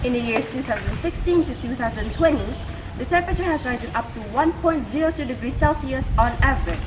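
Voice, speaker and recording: A woman's voice: high-pitched, expressive, fast. A young woman gives a formal contest speech in a stiff, memorized, carefully enunciated way. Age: young adult. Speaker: student speech contest speaker. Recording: clear background ambient noise.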